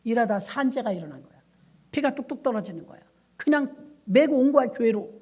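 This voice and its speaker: A middle-aged woman pastor delivers a storytelling sermon. She recounts church anecdotes in a lively, conversational way and briefly acts out the voices of the people in them. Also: fairly high pitch, brisk, breathy edge.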